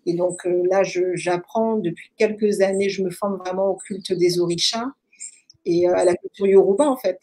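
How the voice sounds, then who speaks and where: A woman with a French accent, talking as an interview guest and telling her story reflectively, with many pauses and fillers. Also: fairly low pitch, fairly even intonation, mellow. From France. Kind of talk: casual conversational storytelling.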